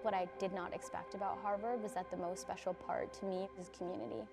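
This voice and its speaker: Gravelly-voiced young woman student over music. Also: mid-range voice, fairly even intonation, fast. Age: young adult. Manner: reflective, chatty with frequent "like". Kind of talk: testimonial interview.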